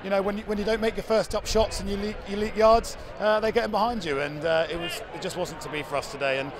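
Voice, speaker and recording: Fast-talking high-voiced coach outdoors. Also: male voice. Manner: rapid, repeats words, frank about defeat. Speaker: rugby head coach. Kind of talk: post-match interview. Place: outdoors beside a rugby pitch. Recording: crowd noise outdoors.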